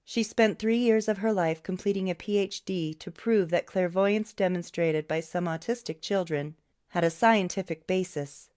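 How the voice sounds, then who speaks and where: A woman's voice: lowish voice, normal speed, a little mellow, clean tone. Woman narrating an audiobook. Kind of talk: scripted narration.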